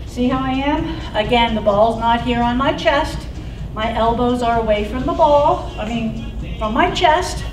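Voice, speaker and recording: A woman's voice: a little high, a little slow. A middle-aged woman cueing an exercise class as an aerobics instructor, upbeat and encouraging, counting out repetitions. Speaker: fitness instructor. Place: indoor exercise studio with wooden floor. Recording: roomy, distant mic, loud background music. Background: workout music.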